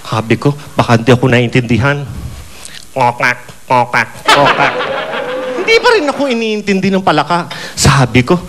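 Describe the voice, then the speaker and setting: Campy, lively stand-up comedian man. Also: on the high side, fast, noisy background. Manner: campy, animated, breaks into frog croaks and silly voices. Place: comedy bar stage.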